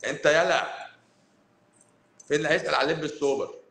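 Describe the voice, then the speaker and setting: Fast-talking Cairene doctor, roomy echo. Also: male voice, a little high, gravelly. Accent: Cairene Egyptian Arabic. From Egypt, Cairo. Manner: animated, scolding and joking with viewers. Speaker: doctor hosting a live stream. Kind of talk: casual live-stream talk to viewers. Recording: roomy echo, faint background noise.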